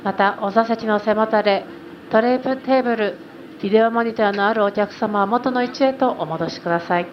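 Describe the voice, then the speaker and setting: A female flight attendant making a formal, polite in-flight cabin announcement over the plane's public-address loudspeaker. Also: mid-range voice, rapid-fire. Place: airplane cabin. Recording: muffled lo-fi cabin recording, faint hum.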